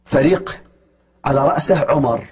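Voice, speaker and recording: A man with an Iraqi Arabic accent giving a polemical religious lecture, talking emphatically and challenging his listeners, his voice climbing high when he argues. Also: normal speed, breathy edge. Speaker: religious speaker.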